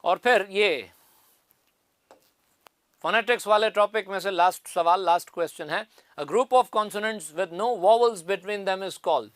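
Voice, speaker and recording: A man's voice: high-pitched, slow, a bit bright, no echo, clean studio sound. A man teaching an exam-prep phonetics lesson, explaining step by step and repeating the key answers.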